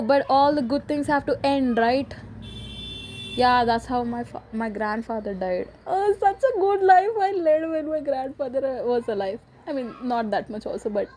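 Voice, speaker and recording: A woman's voice: fairly high pitch, a little mellow, slight background noise. A young woman with an Indian accent chatting on her own podcast, joking, giggly and chatty. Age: young adult. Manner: chatty, mixes Hindi and English, joking, giggly. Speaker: podcast host. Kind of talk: casual solo podcast chat.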